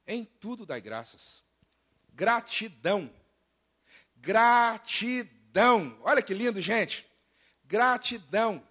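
A Brazilian man in his thirties preaching a lively sermon, mimicking complainers along the way. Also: sits high. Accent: Brazilian Portuguese. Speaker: pastor.

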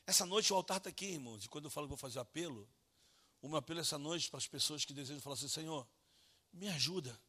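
Brazilian preacher, husky bright voice, soft to loud swings, storytelling sermon. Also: male voice, on the high side, rapid-fire. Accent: Brazilian Portuguese. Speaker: pastor. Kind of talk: evangelical sermon.

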